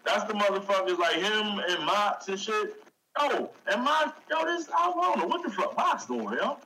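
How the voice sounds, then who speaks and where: A man in casual podcast chat with slangy, profane, excitable frat-bro banter. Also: high-pitched, moderate pace, slight background noise, rough recording. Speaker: podcast host. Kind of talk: casual chat about pro wrestling.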